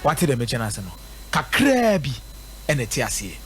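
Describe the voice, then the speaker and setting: Soft music plays behind a Ghanaian-accented radio pundit giving live, emphatic football analysis, switching between a local language and English and repeating points for effect. His medium-pitched voice swings hugely in pitch at a moderate pace and sounds a bit bright.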